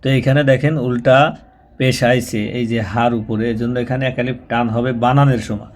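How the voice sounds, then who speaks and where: A patient male teacher with a mid-pitched voice. He spells out recitation syllable by syllable, repeating each sound and stretching it out for his listeners. The delivery is a steady, patient spoken tutorial. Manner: patient, repetitive, slows down and draws out syllables when demonstrating. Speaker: Quran reading teacher.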